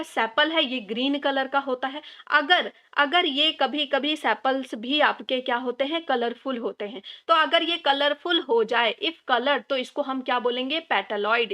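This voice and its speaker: A woman's voice: sits high, bright, forceful tone. A woman teaching a biology revision lesson. She mixes English terms into her speech, asks her own questions, answers them, and repeats the key words. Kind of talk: exam revision lecture.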